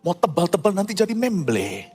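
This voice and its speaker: A man preaching a sermon in a playful way, swinging between loud exclamations and low asides. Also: sing-song, brisk, breathy edge. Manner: playful, mixes in English words. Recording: long hall reverb with faint music behind.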